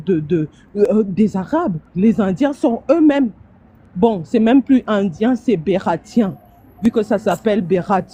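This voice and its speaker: A woman on the street phones into a live stream and pushes her argument forcefully in a heated, casual debate, tripping over repeated words. Her slightly high voice sounds mellow, and there's a little hiss or hum.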